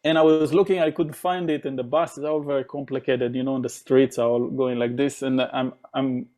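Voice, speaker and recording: A drummer from Israel tells stories in a casual interview, his medium-pitched, dark voice moving fairly quickly with little change in pitch. He rambles, leaning on fillers and restarts, and acts out the voices of people he quotes.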